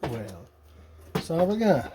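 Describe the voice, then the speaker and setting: A hobbyist radio builder casually narrates a hands-on build, muttering and thinking aloud as he works. His voice is a little high and sing-song, and he takes it slowly. The workshop recording is noisy, with clicks.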